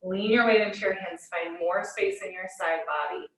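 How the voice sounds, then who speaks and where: Soothing low-voiced woman teaching yoga, echoey room. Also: fairly even intonation. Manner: soothing, unhurried, gently inviting cues with pauses. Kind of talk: guided hatha yoga instruction. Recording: echoey room, distant microphone.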